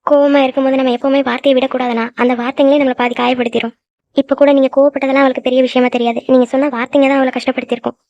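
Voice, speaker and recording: Rapid-fire, high cartoon young woman voiced by a woman. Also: level tone, a little mellow, no echo. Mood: earnest. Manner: scolding, lecturing, then frightened. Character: young woman, hot-tempered friend turned peacemaker. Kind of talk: cartoon voice acting. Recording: dull lo-fi dry recording.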